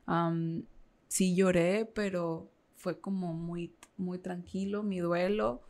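Woman guest, raspy gravelly voice, telling her story openly, lots of "este" and "o sea". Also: on the low side, level tone, slow, a little mellow. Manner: candid, emotional storytelling with many fillers. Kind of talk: casual interview chat.

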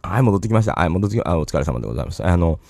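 Deep gravelly Kansai man chatting. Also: big pitch swings, rapid-fire, darkish tone, no echo, studio quality. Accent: Kansai Japanese. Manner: rambling, chatty, full of fillers and asides. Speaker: podcast host. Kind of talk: casual solo podcast talk.

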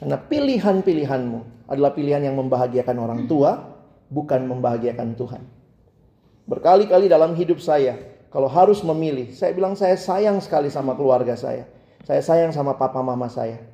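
A man's voice: medium pitch, animated, a little fast, mellow, roomy sound. A man preaching a sermon, joking and acting out the people he quotes.

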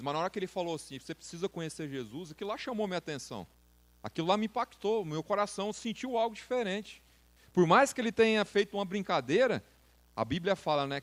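A Brazilian man in his thirties preaches to young people, informal and full of slang. His voice sits high for a man, and he talks straight at his listeners. He sounds like a reserved man pushing himself to exhort. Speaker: youth preacher. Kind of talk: sermon.

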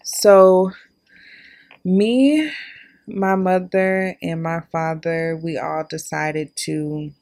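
Young woman, podcast host, low gravelly voice, candid chatty storytelling. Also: fairly even intonation, very slow, a little mellow. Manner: candid, chatty, addresses listeners as y'all. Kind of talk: casual personal storytelling.

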